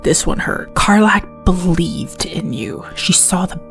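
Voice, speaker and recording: A woman's voice: fairly low pitch, slow pace, gravelly, fairly bright tone. A woman giving scripted commentary on a video game as a commentator. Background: faint music.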